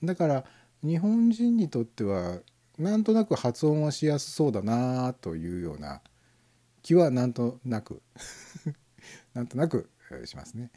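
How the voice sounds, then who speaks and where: A man hosting a live internet radio show, musing aloud in a casual, rambling way and chuckling softly as he reads out listener comments. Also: mid-range voice, sing-song, measured pace. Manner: rambling, musing, frequent fillers and soft chuckles.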